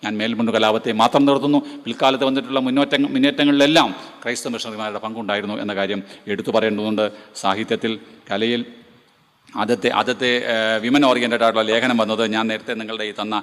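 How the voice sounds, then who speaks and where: A man's voice: lowish voice, fairly even intonation, fast, fairly bright tone, long reverb tail. A man with a Malayali accent giving an emphatic lecture to seminary students and throwing rhetorical questions at them. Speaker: guest lecturer.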